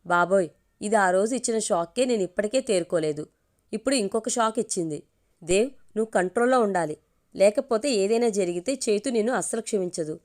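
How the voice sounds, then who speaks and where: A man's voice: high-pitched, brisk, lightly acted. A woman voicing a restrained, tender young husband in an audio story. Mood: flustered.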